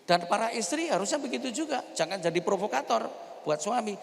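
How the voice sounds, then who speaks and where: A middle-aged male pastor, preaching a sermon in a church and telling his stories in an animated way. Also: high-pitched, brisk, vocal fry. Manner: animated storyteller, plays out voices in his anecdotes. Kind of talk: sermon with personal storytelling. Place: church during an Easter service. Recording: church hall reverb, faint background noise.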